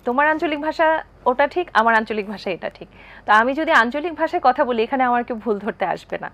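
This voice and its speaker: A woman appearing as a guest on a talk show, telling stories about her life in a brisk, anecdotal way. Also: a little high, lively intonation, a bit bright. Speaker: content creator guest. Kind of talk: talk show interview answers.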